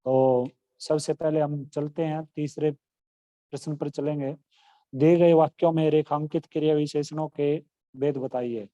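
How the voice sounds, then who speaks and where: A man's voice: fairly high pitch, fairly even intonation, unhurried, dark tone, dull audio. A man teaching a Hindi grammar lesson online, explaining terms and acting out example exclamations with feeling.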